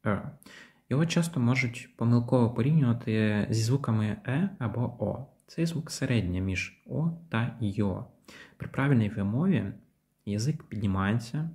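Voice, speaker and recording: A man's voice: medium pitch, a little mellow. Patient man teaching English sounds. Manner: patient, explains step by step, models example words. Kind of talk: pronunciation lesson.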